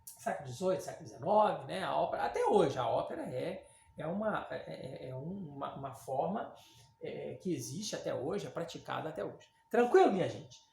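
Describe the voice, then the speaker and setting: A woman's voice: deep voice, big pitch swings, normal speed, creaky, darkish tone. A woman literature teacher giving a recorded class, conversational, with many fillers and frequent check-ins with her students. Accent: Brazilian Portuguese. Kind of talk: recorded online class lecture. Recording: echoey room.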